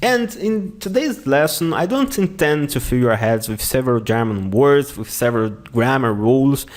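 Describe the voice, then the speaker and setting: A man's voice: mid-range voice, animated, moderate pace. A man teaching a beginner German class in English, whose first language is Portuguese. He explains patiently and repeats words over and over as pronunciation drills. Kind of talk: online language lesson.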